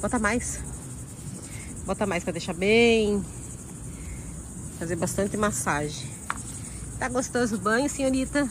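With background noise around her, a chatty Brazilian vlogger speaks directly to viewers as she shifts between outdoors and her car at a campground. Her mid-range voice has lively intonation and a measured pace with frequent pauses, carrying a Brazilian Portuguese accent.

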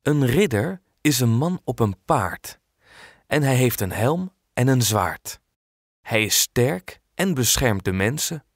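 A male narrator reading a children's book aloud, clear and expressive. His pitch moves in lively storytelling curves and he takes his time with each sentence. The sound is dry and close, with no room. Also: slow, no echo. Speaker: audiobook narrator.

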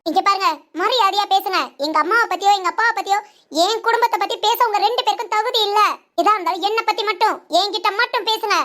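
A woman's voice: very high voice, fast, fairly bright tone. A woman voicing a stubborn young wife in a family cartoon, talking back firmly and defiantly. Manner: defiant, firm, talks back. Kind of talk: animated family cartoon dub.

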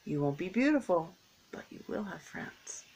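A woman reading a wise calm octopus. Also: lowish voice, normal speed, gravelly, husky, distant mic, exaggerated voice, rough recording. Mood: advising.

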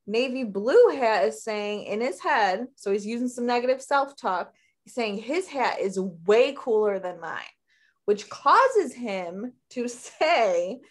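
Slow-speaking woman teacher. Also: on the high side. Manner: slow, friendly, explaining step by step. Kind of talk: classroom video lesson.

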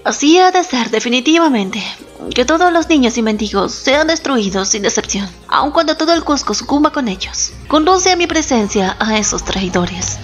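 A woman voicing a stern, commanding male Inca emperor in a solemn, authoritative tone, with soft music behind. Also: sits high, lively intonation, moderate pace. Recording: slightly dull, soft background music.

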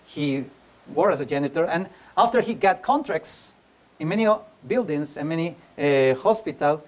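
A man's voice: on the high side, animated, normal speed. Earnest man preaching a sermon. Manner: earnest, repeats and restarts phrases, non-native grammar. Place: church hall.

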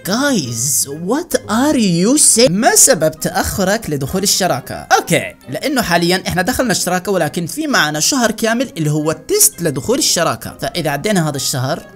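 A man's voice: on the high side, fast talker, soft background music. A young man with a Jordanian Arabic accent, a gaming YouTuber answering fan questions in casual, joking chat. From Jordan, Iraqi family. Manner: excitable, joking, chatty. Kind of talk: casual Q&A with fans.

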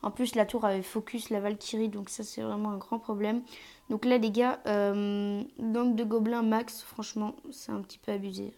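Streamer woman, mellow tone, halting live game commentary on earphone mic, fillers and odd whispered asides. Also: mid-range voice, level tone. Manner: hesitant, many fillers, drops to whispers at times.

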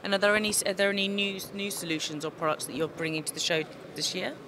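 Trade show interviewer; bright tone, brief prepared questions, faint crowd hum behind. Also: medium pitch, fairly even intonation, quick pace. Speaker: interviewer for an expo TV channel. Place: busy exhibition hall.

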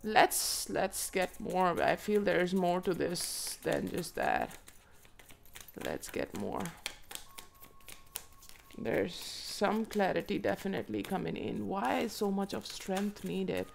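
A woman with a hoarse, froggy voice from a cold, reading tarot to viewers in an unhurried, musing way and asking herself questions aloud. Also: lowish voice, expressive, a little hiss or hum. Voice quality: froggy, croaky throat. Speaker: tarot reader and channel host. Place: indoors at a table.

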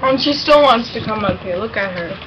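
Clear background noise surrounds a woman with a fairly high voice. She rambles casually in an informal vlog style, recorded at home. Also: lively intonation, fairly quick, highs cut off. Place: at home at a computer, with a dog nearby. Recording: noisy amateur home recording.

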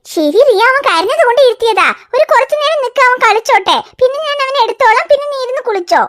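A young cartoon mother, voiced by a woman in a home-made cartoon, patient with her little one but quick to scold. Her voice sits extremely high. She coaxes in a sing-song and turns sharp when she scolds. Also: animated. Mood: soothing. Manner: coaxing and sing-song with the baby, sharp with the older child.

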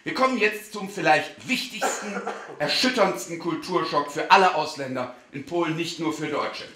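High, bright-voiced man doing stage comedy. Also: normal speed. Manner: mock-formal, addresses the audience directly; animated, sometimes shouting. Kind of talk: live stage comedy show. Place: theater stage. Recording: roomy theater sound.

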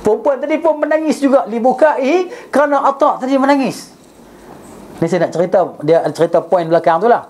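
Guy teaching a religion class, mellow voice, tells it like a story, keeps asking the room "right?". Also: very high voice, brisk. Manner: animated storyteller, recites Arabic then explains it.

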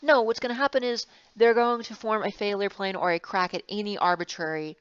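A woman's voice: medium pitch, steady tone, a little fast, clear, resonant tone, no echo. A woman engineering instructor giving a recorded lecture, rambling and correcting herself with wry asides. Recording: dull, slightly muffled, dry sound.

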